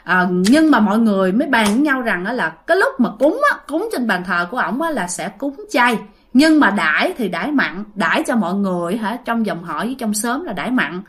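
A woman's voice: mid-range voice, lively intonation, fairly quick, a bit bright. A woman with a Southern Vietnamese accent telling ghost stories in a chatty way, addressing her listeners directly. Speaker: ghost story narrator. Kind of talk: casual storytelling.

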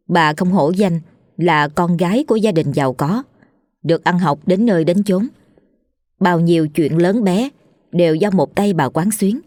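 Woman telling a ghost story, low voice. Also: dark tone, no echo, clean studio sound. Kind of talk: scripted ghost story narration. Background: faint music.

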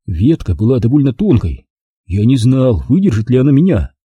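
A man reading a children's storybook aloud in the first person, expressive and lively. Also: mid-range voice, moderate pace, husky, no echo, lo-fi sound. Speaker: audiobook reader. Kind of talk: storybook narration.

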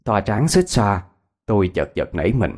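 A man narrating a scripted horror story in a dramatic, expressive way. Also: fairly low pitch, normal speed. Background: faint music.

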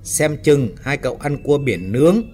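A man's voice: mid-range voice, expressive, moderate pace, darkish tone, lightly acted. A man voicing a level-headed male foreman who brushes off talk of ghosts. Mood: skeptical. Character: calm, skeptical male foreman.

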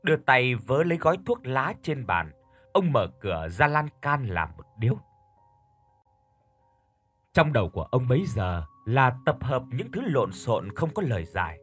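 A man narrating a horror audiobook in a calm, measured storytelling voice. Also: medium pitch, slightly rough, soft background music.

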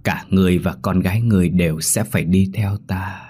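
A man voicing a creepy possessed doll girl who pleads and wheedles in a drawn-out way, in a horror story reading. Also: low-pitched, fairly even intonation, warm tone, breathy edge. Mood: menacing.

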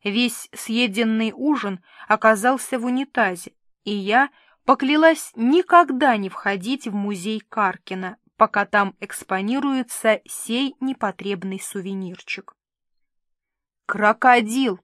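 A woman narrating an audiobook in an expressive, ironic manner. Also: a little high, measured pace, no room sound, studio quality. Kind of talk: scripted narration.

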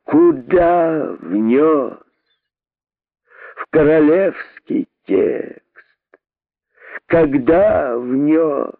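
A man's voice: on the low side, big pitch swings, drawn-out words, slightly rough, no echo, full character voice. A man voicing a gloomy, pompous male rabbit king who speaks sternly and accusingly, with theatrical emphasis. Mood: sarcastic accusing. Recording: dry, narrow phone-like sound.

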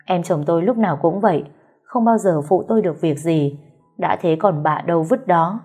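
A woman tells a first-person story in a calm, measured, sorrowful voice. Her voice sits low. Soft music runs faintly underneath. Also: husky. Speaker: narrator. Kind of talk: storytelling narration.

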